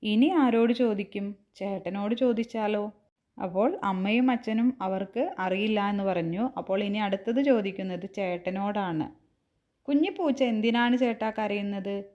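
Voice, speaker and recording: A woman teacher explaining a textbook lesson to young children, gently asking questions and answering them herself. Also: mid-range voice, moderate pace, highs cut off.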